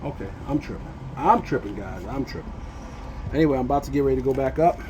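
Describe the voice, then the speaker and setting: A man's voice: medium pitch, lively intonation, quick pace, background noise. A man talking casually on a walking vlog at a train station, preachy and encouraging, a little out of breath, into a phone he holds. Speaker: vlogger.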